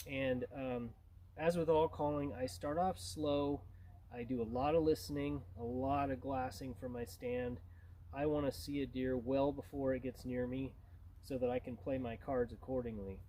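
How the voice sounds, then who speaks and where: A man's voice: mid-range voice, fairly even intonation, normal speed, warm tone, rough recording. A man gives an informal tutorial as a hunting instructor, in a plain-spoken, conversational way.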